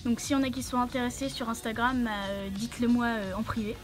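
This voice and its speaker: High-voiced young woman through a costume head. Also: fairly even intonation, fast talker, soft background music. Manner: hesitant, many fillers. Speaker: channel host answering questions. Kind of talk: casual Q&A vlog.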